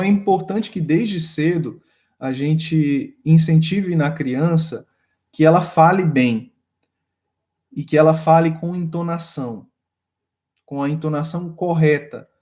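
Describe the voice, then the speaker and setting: Man from Brazil, fairly high voice, halting lecture, lots of fillers. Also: a little mellow. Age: adult with a young daughter. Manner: hesitant, many fillers and restarts. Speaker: course instructor. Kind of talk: lecture on child education.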